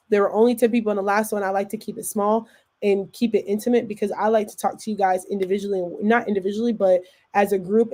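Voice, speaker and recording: Live-stream host, woman, warm dark tone, loose and chatty with viewers. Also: medium pitch. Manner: chatty, fillers and self-corrections, reads viewer comments aloud. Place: in or near Atlanta.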